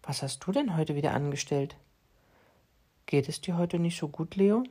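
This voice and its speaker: A kind, caring woman who owns the cat, as a male reader voices her, speaking softly to her pet. Her voice stays close to the reader's own gentle storybook tone. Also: a little high, moderate pace, breathy edge. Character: kind adult woman, the cat's owner.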